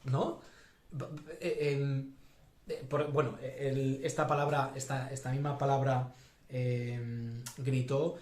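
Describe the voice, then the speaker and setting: A man's voice: medium pitch, level tone, takes it slowly, darkish tone. A man preaching a sermon as pastor, thinking aloud with many fillers and restarts. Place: church hall. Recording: echoey church hall.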